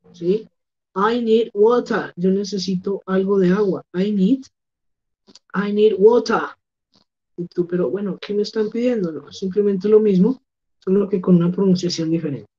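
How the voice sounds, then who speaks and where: A woman teaching English online in Spanish, explaining slowly and repeating words for pronunciation, with a Colombian accent. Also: medium pitch, dark tone, husky, lo-fi sound. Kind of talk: online class lesson.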